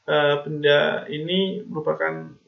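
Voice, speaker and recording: A man's voice: fairly high pitch, fairly even intonation, takes it slowly, creaky. A man giving a casual lecture, hesitant and full of fillers and restarts. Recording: dull lo-fi recording.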